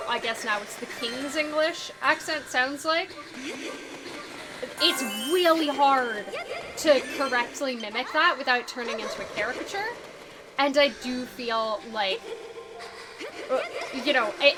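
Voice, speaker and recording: A woman streaming a video game, chatting casually and rambling, with lots of fillers and restarts. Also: a little high. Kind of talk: casual live-stream commentary. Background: game music.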